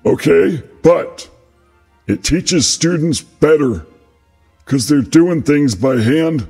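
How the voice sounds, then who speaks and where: A man's voice: fairly high pitch, animated, takes it slowly, mellow, husky, faint music behind, pitched above the performer's own voice, exaggerated voice. A man playing an earnest, mild Excel defender who objects insistently in a comic explainer skit. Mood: earnest objecting.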